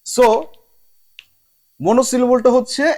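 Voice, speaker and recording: High-voiced man teaching a lesson. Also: fairly even intonation, mellow. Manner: slow drawn-out word demonstrations; mixes English phrases into speech. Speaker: English teacher. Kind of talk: spoken lesson.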